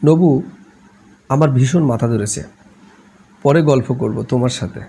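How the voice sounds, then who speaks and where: A man's voice: medium pitch, a little slow, gravelly, mellow, husky. A man voicing a proud young wife in a storybook reading, cold and clipped in her speech. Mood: weary.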